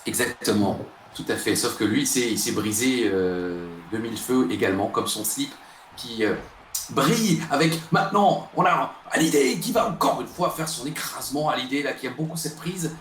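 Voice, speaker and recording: A man co-commentating fights with teasing, wry remarks and sudden loud announcer-style calls. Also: mid-range voice, lively intonation, normal speed. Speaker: guest co-commentator. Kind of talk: playful live-stream fight commentary. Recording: echoey room with faint noise.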